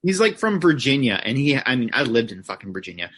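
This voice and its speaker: A man's voice: medium pitch, big pitch swings, quick pace, fairly bright tone. A man co-hosting a podcast, chatting casually about films in a blunt, sarcastic way and swearing freely. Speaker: podcast co-host. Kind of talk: casual chat about film awards.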